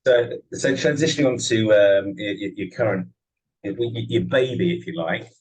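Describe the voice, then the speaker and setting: A man with a husky, somewhat low voice asks questions in a relaxed podcast chat. He trips over his openings and repeats words before he gets going. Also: moderate pace, low-quality recording. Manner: stammers, repeats words at starts. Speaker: podcast co-host, interviewer. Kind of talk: casual podcast conversation.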